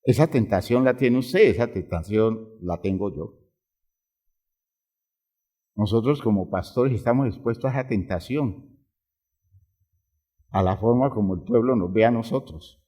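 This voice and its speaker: A man's voice: on the low side, unhurried, long pauses, mellow. A man preaching a sermon as a pastor, drawing out phrases for emphasis and asking the congregation rhetorical questions.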